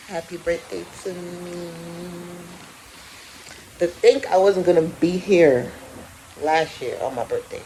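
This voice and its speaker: At home in her apartment, a woman in her 30s vlogs, speaking casually and directly to her viewers. She's animated and chatty with frequent laughter, her voice low-pitched and creaky. The recording is rough, with slight background noise.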